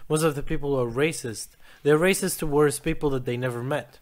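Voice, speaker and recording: A man raised in Saudi Arabia with Syrian roots, co-hosting a casual podcast. His voice sits a bit high for a man, and he talks in a laid-back way with lots of quick agreeing remarks. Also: slight background noise. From raised in Saudi Arabia, Syrian heritage.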